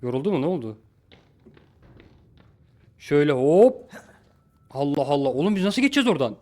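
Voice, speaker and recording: A man doing a let's play commentary of a horror game, swinging between frantic yelling at pursuers and quiet muttering. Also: fairly high pitch, a little fast. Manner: frantic shouting at pursuers, then calm muttering. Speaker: gameplay streamer.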